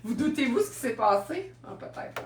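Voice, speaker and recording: A woman's voice: high-pitched, big pitch swings, normal speed, recorded from a distance, a little hiss or hum. A woman with a Québécois French accent, chatting and telling stories while showing second-hand clothes on a live stream. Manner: chatty, storytelling, laughs often. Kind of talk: live-stream selling chat. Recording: roomy sound from off-mic.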